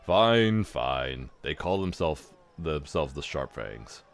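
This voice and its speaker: A man doing a gravelly, sardonic half-orc warrior. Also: extremely low pitch, big pitch swings, slow, full character voice. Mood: boastful.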